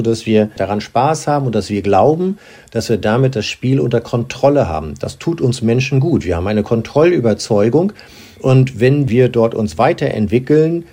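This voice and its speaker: A man's voice: mid-range voice, dark tone. A man explaining as a game researcher in an expert interview, with frequent fillers. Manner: explanatory, uses many fillers.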